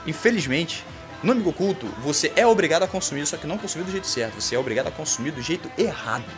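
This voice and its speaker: A Brazilian Portuguese-accented man rants at speed in a comedy monologue, swearing freely as he goes. His pitch leaps around expressively and sits a bit high for a man. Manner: profane, animated ranting. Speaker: comedy podcast host.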